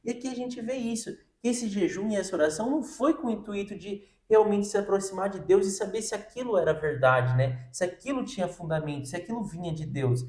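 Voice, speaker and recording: A man's voice: high-pitched, lively intonation, brisk, hardly any pauses, a little mellow, roomy sound. A man explaining a Bible reading in a casual, conversational way, full of fillers. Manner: conversational, many fillers like né and tipo assim. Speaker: co-host of a Bible reading podcast.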